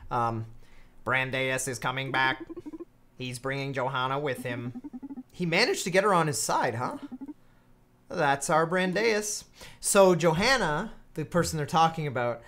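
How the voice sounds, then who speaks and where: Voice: medium pitch, animated, measured pace, fairly bright tone. A game streamer giving casual let's-play commentary, chatty with frequent laughs and fillers.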